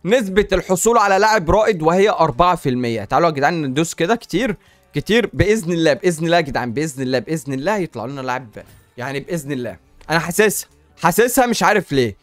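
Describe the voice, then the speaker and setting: Excitable fast-talking Egyptian man. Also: fairly high pitch, dry recording, soft background music. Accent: Egyptian Arabic. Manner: excitable, chatty, pleads with viewers and the game. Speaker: gaming YouTuber host. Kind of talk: casual gaming commentary while opening packs.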